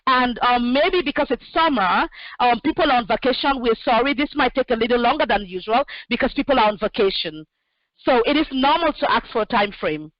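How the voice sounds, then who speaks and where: A woman's voice: on the high side, expressive, a little fast, dry recording, muffled recording. A woman in her forties, originally from Cameroon, answering questions as a human resources expert on a call, speaking in a direct, practical way with many fillers. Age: 40s. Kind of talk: answering questions in an online session.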